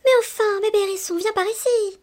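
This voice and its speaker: A woman voicing a gentle, soothing mother hedgehog in a storybook reading, soft and reassuring. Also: very high voice, fairly even intonation, brisk. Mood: urgent.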